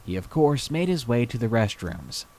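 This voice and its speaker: A man's voice: medium pitch, very animated, darkish tone, slight background noise. Man reading a scary story dramatically. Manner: slow, dramatic storytelling delivery. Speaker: story reader.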